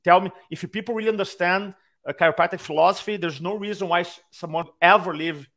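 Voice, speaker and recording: His voice sits high and moves quickly, marked by a Brazilian accent. He's a speaking coach on a podcast interview via video call from his own room, an animated storyteller who acts out what people said.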